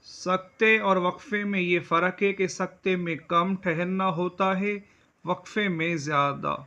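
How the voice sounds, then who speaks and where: A man teaching a religious lesson as an Islamic studies teacher, explaining in a measured, deliberate way. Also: high-pitched, fairly even intonation, bright, forceful tone. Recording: dull lo-fi voice recording.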